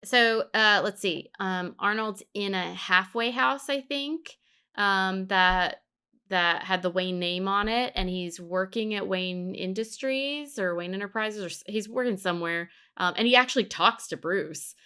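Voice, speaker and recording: A woman's voice: mid-range voice, a little slow, pushed and bright, clean tone. A woman co-hosting a podcast, talking casually and thinking aloud as she discusses a show. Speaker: podcast co-host. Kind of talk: casual discussion of an animated series.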